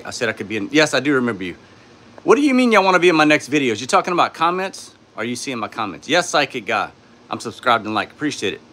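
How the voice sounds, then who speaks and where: A man with a sore throat hosting a casual live stream, answering chat in a tired, low-key way from his home studio on a phone. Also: pushed and bright. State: sore throat, speaking softly.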